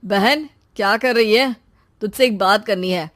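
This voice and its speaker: A woman's voice: mid-range voice, measured pace, voice pushed down, close to an everyday voice. A woman voicing a trusting, lovestruck young brother in a cartoon story, confiding hesitantly and earnestly. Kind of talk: cartoon moral story voice acting.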